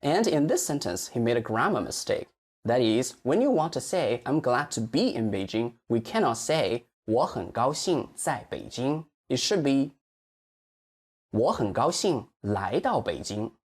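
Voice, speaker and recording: This man, a native Chinese teacher from mainland China with a Chinese accent, carefully demonstrates pronunciation, saying words slowly and drawing out syllables. His voice is mid-range and sing-song with a breathy edge.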